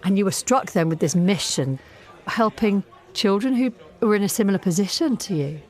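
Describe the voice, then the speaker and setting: A woman presenting a radio talk show, asking measured, empathetic questions of her guest. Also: mid-range voice, expressive, a little mellow. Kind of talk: radio interview.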